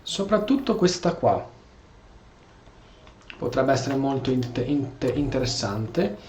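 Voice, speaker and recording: An Italian gaming streamer offers casual commentary on his play, often stumbling and repeating words. His medium-pitched voice swings widely in pitch, runs a little slow and sounds a little mellow. The room recording is dull and echoey, with slight background noise.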